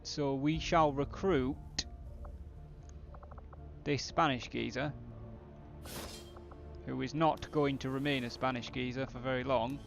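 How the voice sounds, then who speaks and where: A man's voice: mid-range voice, fairly even intonation, slow, vocal fry, pauses often, dull audio, soft background music. A British man doing casual, blokey, sweary game commentary as a streamer chatting with viewers. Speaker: gaming streamer.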